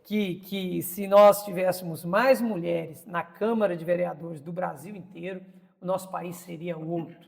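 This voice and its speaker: A man's voice: sits high, fairly even intonation, unhurried, creaky, darkish tone, in a large hall. A Brazilian man in his fifties hosting a casual interview, opinionated and often repeating words as he searches for them. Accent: Brazilian Portuguese. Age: 50s. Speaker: podcast host and interviewer.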